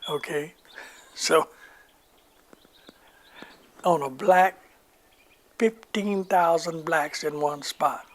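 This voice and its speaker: Speaking very slowly with long pauses, this older man's voice sits on the high side. He rambles through memories of his army service in wartime for an oral history interview, imitating the voices of those he quotes.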